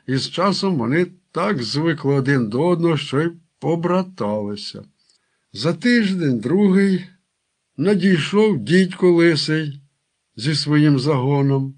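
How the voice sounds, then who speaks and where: A man narrates a storybook tale at an easy pace. His voice sits a little higher than most men's, and he gives the characters a light touch of their own voices when they speak. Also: darkish tone. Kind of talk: audiobook narration with character quotes.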